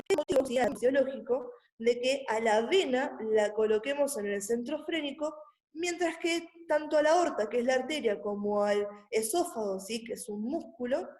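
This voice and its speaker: A woman teaches anatomy over a video call, her voice pitched a little high. She explains step by step and keeps checking in with her students. The sound is roomy and echoey. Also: a little mellow. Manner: patient, checks in with a constant "¿sí?". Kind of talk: online anatomy lecture. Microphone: computer mic on a video call.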